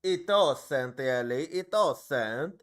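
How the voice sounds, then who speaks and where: A man's voice: medium pitch, lively intonation, extremely slow, a bit bright. A man streaming a game, thinking aloud and musing to himself as he plays. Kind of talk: casual gameplay commentary. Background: game music.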